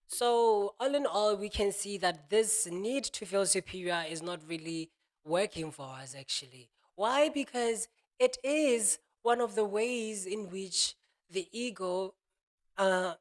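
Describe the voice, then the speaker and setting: Man musing, peppered with "you know". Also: high voice. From Botswana. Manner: leans on "you know", acts out imagined voices in quotes. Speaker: self-help speaker. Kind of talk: reflective spoken monologue.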